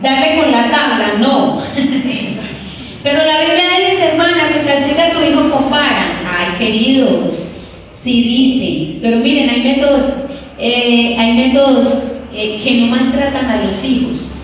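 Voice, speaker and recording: A woman's voice: high-pitched, slow, a little hiss or hum. A woman preaching a sermon to a congregation, telling stories and calling her listeners "queridos". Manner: addresses listeners as "queridos", animated storytelling. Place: church hall. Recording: echoey hall from far off.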